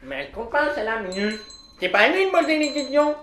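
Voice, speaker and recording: A woman's voice: fairly high pitch, big pitch swings, normal speed. A woman playing a small, plaintive, overlooked dwarf in an audio drama. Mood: scolding. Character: small forgotten dwarf with bell hat, plaintive. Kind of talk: French audio drama acting. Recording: echoey room, faint noise.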